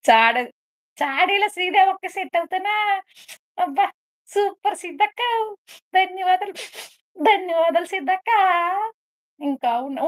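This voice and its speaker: A woman doing a gossipy village busybody. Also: very high-pitched. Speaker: live stream entertainer. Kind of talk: comic character monologue on a live stream.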